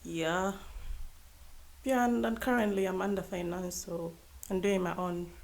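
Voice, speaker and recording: Lowish-voiced young woman, hesitant guest. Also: fairly even intonation, a little slow, a little mellow. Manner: hesitant, restarts often. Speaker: podcast guest. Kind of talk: casual conversation.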